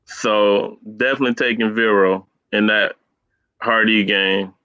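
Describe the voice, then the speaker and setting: A man's voice: fairly low pitch, steady tone, measured pace, sharp tone, smooth, no echo. Matter-of-fact man on a muffled mic. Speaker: podcast co-host. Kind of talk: casual sports chat.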